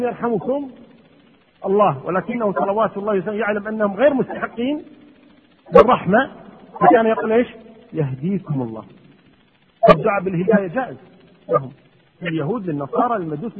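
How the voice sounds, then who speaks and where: A man gives a religious lesson. He has a high, very husky voice and asks his listeners questions, then answers them himself. The recording is muffled and lo-fi, and his voice rings in a long hall echo. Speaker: Islamic teacher.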